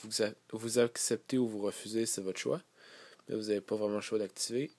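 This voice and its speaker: A man with a Québécois French accent, calmly walking viewers through a device setup tutorial step by step, with frequent fillers. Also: on the low side, fairly quick, no room sound. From Quebec. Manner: relaxed, many fillers, explains step by step. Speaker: tech tutorial host. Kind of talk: casual screen-recorded tutorial.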